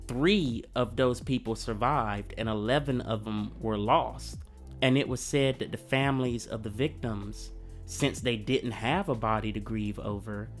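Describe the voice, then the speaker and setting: Coming down with a cold, a history channel host talks through reflective commentary in an earnest, conversational manner. His voice is medium-pitched and a bit bright.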